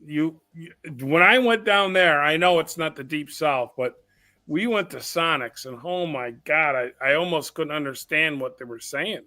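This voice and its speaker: A man's voice: on the high side, normal speed. A man from Chicago who sells car parts, chatting casually and telling stories in a teasing way. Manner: teasing, animated storyteller. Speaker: parts seller. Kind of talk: casual chat.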